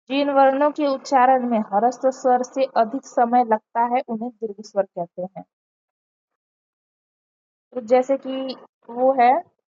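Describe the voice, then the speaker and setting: Female tutor, higher-pitched, patient step-by-step explainer, dull lo-fi sound. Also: no echo. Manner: explains step by step with many fillers and self-corrections. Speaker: teacher. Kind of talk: online grammar lesson. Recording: muffled lo-fi audio.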